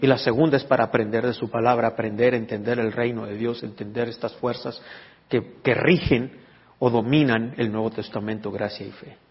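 Husky male pastor in a reverberant church. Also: medium pitch, steady tone, a little fast. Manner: teaching, asks the congregation questions. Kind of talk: sermon. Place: church hall. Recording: dull recording with long reverb.

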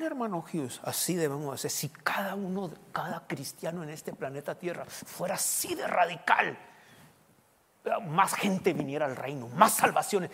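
A man preaching a loud, excitable sermon as a pastor, full of exclamations and laughter. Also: a little high, husky. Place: church sanctuary. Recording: long hall reverb.

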